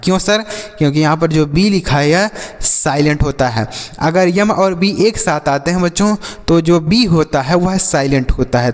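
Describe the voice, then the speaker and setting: Man, English teacher, call-and-answer drills, very slow pace, long reverb. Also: fairly high pitch. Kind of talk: spoken language lesson.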